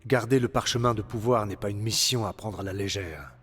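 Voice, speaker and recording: An earnest, husky-voiced young hero. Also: male voice, fairly low pitch, a little fast. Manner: inquisitive, earnest. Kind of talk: French video game dub.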